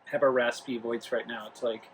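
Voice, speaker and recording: A crowd can be heard behind this young man from Rhode Island, whose medium-pitched voice has little pitch movement and normal speed. The travel vlog host is doing a casual home product review vlog in his living room near the kitchen, speaking loosely with lots of fillers and restarts.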